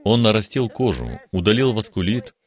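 A man's voice: on the low side, very animated, normal speed. A man in his eighties giving an earnest, emphatic religious testimony on a television studio program. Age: 80s. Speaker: guest giving a healing testimony.

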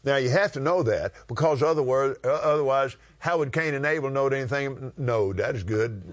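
Using a mid-range voice, this West Texan, accent and all, delivers Bible teaching like a conversational sermon. His phrasing is drawn out and emphatic.

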